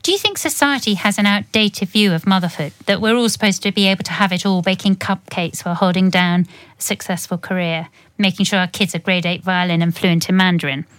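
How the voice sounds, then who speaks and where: A woman's voice: fairly low pitch, brisk, a bit bright, no room sound. A woman hosting a conversational interview, putting questions to her guest. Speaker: host, interviewer.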